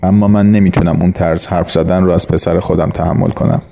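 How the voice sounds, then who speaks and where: A man's voice: sits low, steady tone, creaky, dark tone. A man reading the lines of a worried mother confronting her grown son, in an audiobook reading. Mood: pleading.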